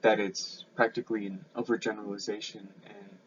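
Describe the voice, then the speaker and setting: A man's voice: fairly low pitch, flat delivery, brisk, slight background noise. A young man giving a lesson on biblical poetry, reading out points and then explaining them with frequent ums and restarts. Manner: hesitant, many ums and restarts when explaining. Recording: slightly dull, lo-fi sound.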